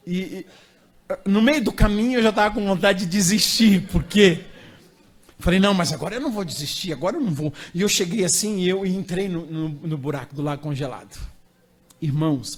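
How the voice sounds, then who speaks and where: A middle-aged Brazilian man, an evangelist preacher, telling a lively anecdote in a sermon and acting out the dialogue. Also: high-pitched. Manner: animated storytelling, acting out dialogue with laughter.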